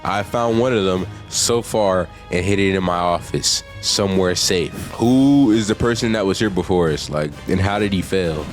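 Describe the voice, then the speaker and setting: A man giving casual, slangy gameplay commentary, reacting out loud in an animated way. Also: low-pitched, normal speed, hardly any pauses, soft background music. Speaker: gaming video creator.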